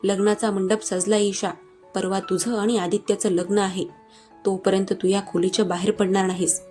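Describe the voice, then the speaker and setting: A woman reading as a harsh middle-aged father in a storybook romance, his voice shaking with anger. Her tone stays warm and mellow over faint music. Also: mid-range voice, level tone, moderate pace, close to an everyday voice. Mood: angry. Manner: angry, shaking with rage.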